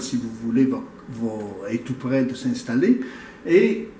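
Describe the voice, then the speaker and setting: Painter, mellow voice, talks slowly and thoughtfully, lots of pauses, echoey room. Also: male voice, mid-range voice, a little hiss or hum. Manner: thoughtful, hesitant, many fillers and restarts. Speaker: painter, interview guest. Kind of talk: casual explanation. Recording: echoey room, mic at a distance.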